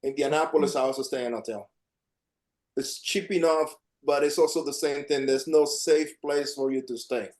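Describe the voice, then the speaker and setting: Male artist, casual rambling talk, slightly high voice, video call audio. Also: steady tone, moderate pace, a little mellow. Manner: rambling, repeats himself. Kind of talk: casual chat.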